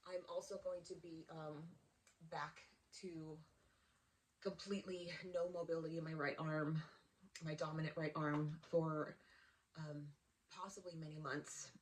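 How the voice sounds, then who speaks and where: A woman of fifty giving an emotional, halting personal check-in, with many restarts. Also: low voice, little pitch movement, slight background noise. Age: 50s. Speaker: vlogger. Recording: quiet voice from far off the mic.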